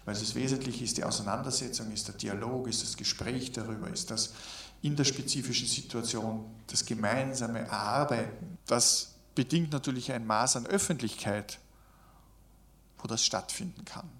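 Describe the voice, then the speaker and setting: Measured, deliberate man lecturing. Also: medium pitch, creaky, a bit bright. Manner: measured, deliberate, lists ideas in series. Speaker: speaker giving a lecture. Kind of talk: reflective spoken lecture.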